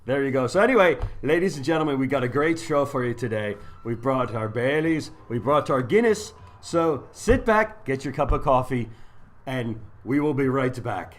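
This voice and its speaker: A man's voice: medium pitch, lively intonation, normal speed, lightly acted. A male co-host putting on a hammy Irish accent in a festive, sing-song announcer style. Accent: put-on Irish. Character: jolly man with put-on Irish accent.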